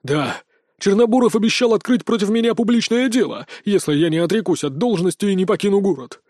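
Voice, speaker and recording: A hot-tempered, arrogant governor, voiced by a man who blusters, snaps and shouts. The voice sits a little high but mellow, recorded close and dry. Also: fast, dry recording. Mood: angry. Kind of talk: audiobook character voicing.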